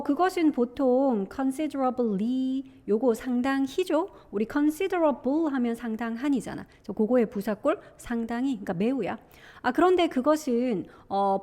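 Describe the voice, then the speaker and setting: Woman, young, Korean, English teacher, chatty lecture, rhetorical questions, slightly high voice. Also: darkish tone. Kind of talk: online lecture explaining an exam passage.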